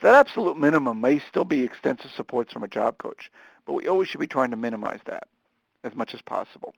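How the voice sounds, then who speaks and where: A man giving a live webinar lecture, talking fast and animatedly with frequent restarts. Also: medium pitch, animated, vocal fry, breathy edge, no room sound, poor audio. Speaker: webinar presenter on supported employment.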